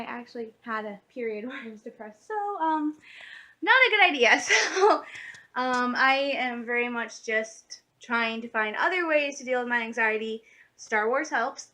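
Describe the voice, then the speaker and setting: Bright high-voiced chatty young woman. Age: late 20s. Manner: chatty, giggly, rambling with many fillers. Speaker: vlogger. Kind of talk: casual chat to camera. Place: her room at home.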